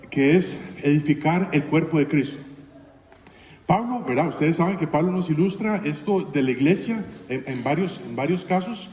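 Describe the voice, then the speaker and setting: Male pastor, chatty sermon style, warm dark tone, echoey sanctuary sound. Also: on the high side. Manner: conversational preaching, frequent "¿verdad?" tags. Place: church sanctuary. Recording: echoey church hall.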